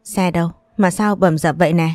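A devoted young wife in a storybook who fusses over her bruised husband, voiced by a woman narrator. The voice is low and soft-spoken, in a dry, close recording. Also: steady tone, a little fast, dry recording, close to an everyday voice. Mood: caring. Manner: tender, caring.

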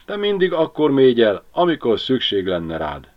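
A man's voice: mid-range voice, huge pitch swings, voice pushed up. A man voicing a fussy barn animal that whines about its stomach and mocks others, on a dull lo-fi recording. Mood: whiny. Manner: whining and mocking.

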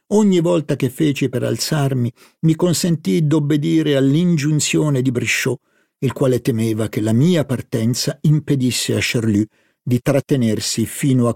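A man reading a literary novel aloud as an audiobook narrator, in a measured, expressive way. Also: medium pitch, vocal fry, no room sound, studio quality.

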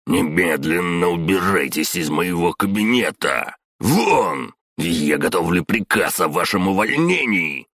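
A man voicing an irate, shouting department boss in an audiobook, who barks orders and later pleads in terror. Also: deep voice, expressive, measured pace, hardly any pauses, no room sound, clean studio sound, voice pushed up, heavily acted. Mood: furious shouting. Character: irate middle-aged male department boss.

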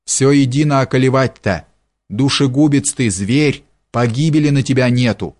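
A man's voice: medium pitch, moderate pace, natural voice. A man voicing a desperate, furious peasant. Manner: pleading, then shouting curses. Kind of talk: audiobook character reading.

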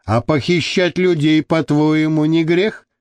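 A man reading the part of a calm, wry male captive who lectures his guard. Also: on the high side, unhurried, clear, resonant tone, no room sound, close to an everyday voice.

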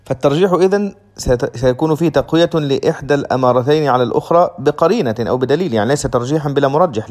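This Islamic law teacher, a man with a medium-pitched and slightly mellow voice, lectures on a legal text. He works through it methodically, restating each point in simpler words.

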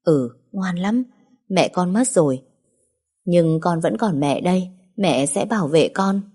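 A woman reading the lines of a tearful, doting older mother-in-law in a story, slow and choked. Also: on the low side, lively intonation, warm tone, slightly rough. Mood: tender.

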